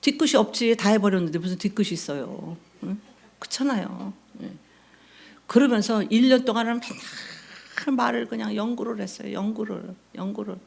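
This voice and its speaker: Gravelly-voiced woman pastor telling stories. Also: medium pitch, moderate pace, darkish tone. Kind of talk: sermon.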